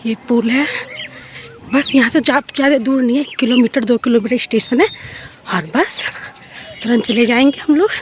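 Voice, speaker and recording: A woman's voice: on the high side, moderate pace, long pauses, a little hiss or hum. A young woman from Bihar, vlogging in a chatty way and often repeating words as she thinks. She walks along an outdoor village road and sometimes sounds out of breath. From Bihar, India. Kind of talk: casual vlog chat.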